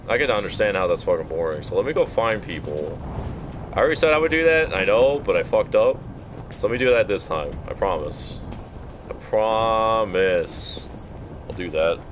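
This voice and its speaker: Deep-voiced man streaming a game, swearing. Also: noisy background. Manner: nervous, profane, chatting directly to a viewer. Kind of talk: casual live gameplay commentary.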